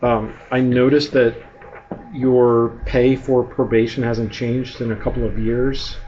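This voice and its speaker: Unhurried and level in tone, a medium-pitched man keeps probing officials with questions as a member of the public at a government meeting. The audio, captured in an indoor public meeting room, sounds muffled and noisy.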